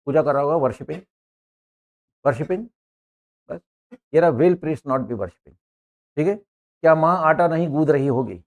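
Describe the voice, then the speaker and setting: A man's voice: a little high, darkish tone. Man teaching English pronunciation in class. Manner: explains slowly, often asks "है ना?". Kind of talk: classroom lesson.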